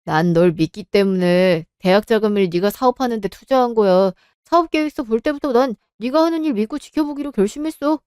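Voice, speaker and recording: A woman's voice reading the part of a supportive middle-aged father who gently encourages his son, in a radio drama. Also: a little high, fairly quick, smooth, no room sound, clean studio sound, natural voice. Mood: encouraging.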